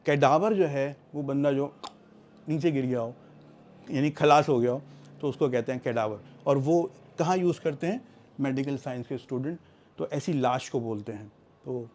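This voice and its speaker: A middle-aged man with a warm, mid-range voice explains English vocabulary in a lesson. He reads the English example sentences slowly and deliberately.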